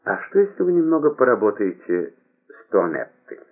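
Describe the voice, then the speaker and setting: A man's voice: on the low side, sing-song, normal speed, voice pushed up. A man reading the part of an ingratiating aristocrat who talks in an insinuating, coaxing way, on a narrow, lo-fi recording. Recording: narrow phone-like lo-fi audio.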